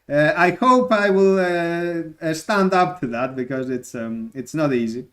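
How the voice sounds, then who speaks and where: A young man from Greece, a native Greek speaker, talking through a live stream with slightly raised pitch. He thinks aloud, pausing often with fillers, in a casual, reflective way. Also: fairly bright tone. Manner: thoughtful, many filler pauses.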